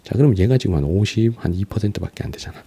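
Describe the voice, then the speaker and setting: A man's voice: fairly low pitch, animated, mellow, slightly rough. A man teaching a geography lecture, walking through an exam graph and asking students questions as he goes. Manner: starts phrases with a drawn-out "ja", asks students questions.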